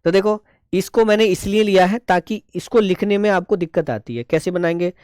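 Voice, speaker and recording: A man's voice: sits high, brisk, darkish tone, clean tone, no echo, studio quality. A man teaching a shorthand class, explaining each stroke step by step and checking in often. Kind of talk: online class lesson.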